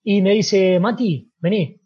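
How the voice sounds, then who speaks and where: A man with a Rioplatense Spanish accent, an interview guest who was a footballer, telling an animated story and acting out the dialogue. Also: high-pitched, slow pace, slightly rough, dull audio. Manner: animated storyteller, acts out dialogue, frequent "¿viste?". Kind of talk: casual storytelling.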